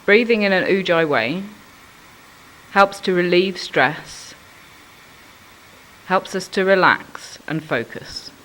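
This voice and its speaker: A man giving an instructional explanation of a breathing exercise in measured, explanatory phrasing. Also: high-pitched, expressive, pushed and bright, rough recording.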